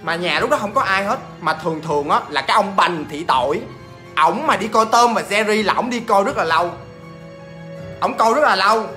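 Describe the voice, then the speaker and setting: A man telling a ghost story in a chatty, animated way, talking straight to his listeners. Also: high voice, fairly quick, faint music behind.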